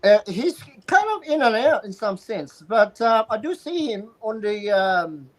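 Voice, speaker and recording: A livestream co-host in casual chat, reading out shout-outs with many hesitant fillers. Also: mid-range voice, big pitch swings, a little slow, low-quality recording.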